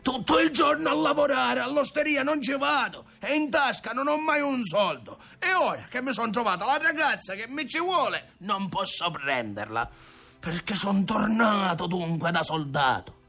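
A man voicing a hot-headed, frustrated young man in a storybook reading, shouting desperately. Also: very high-pitched, sing-song, normal speed, vocal fry, faint music behind, pitched above the performer's own voice, heavily acted.

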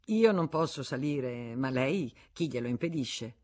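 A narrator voicing a bitter, scheming older spinster in a storybook reading, short of breath. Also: female voice, extremely low pitch, expressive, unhurried, darkish tone, full character voice. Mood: urging. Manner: vehement, spiteful, breathless outbursts. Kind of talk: audiobook character voice.

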